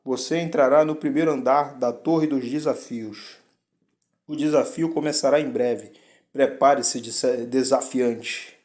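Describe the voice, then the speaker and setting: A man's voice: mid-range voice, steady tone, unhurried, darkish tone, lightly acted. A man voicing a formal system screen that announces the rules of a trial.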